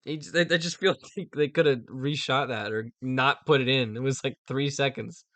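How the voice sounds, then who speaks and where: Male American host, mid-pitched, rambling casual commentary with dry humor, recorded close with no room sound. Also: normal speed, a bit bright, no room sound. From United States.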